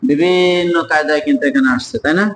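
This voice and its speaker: A man teaching an evening Quran reading class, patiently drilling each letter slowly and calling on students to repeat after him. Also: on the high side, noisy background.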